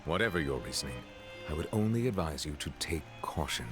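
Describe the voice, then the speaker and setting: A man's voice: a bass voice, lively intonation, a little fast, faint music behind. A man voicing a reserved, formal chief judge in a video game who speaks in a stately, carefully worded way. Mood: grave.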